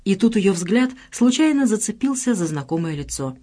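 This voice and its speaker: Expressive woman audiobook narrator. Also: medium pitch, normal speed. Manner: expressive, reads all characters.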